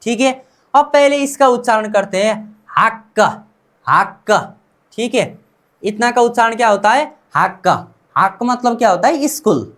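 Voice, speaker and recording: A woman's voice: fairly high pitch, normal speed. A woman with an Indian accent teaching Korean pronunciation in Hindi, repeating each word many times and asking her students questions before giving the answer.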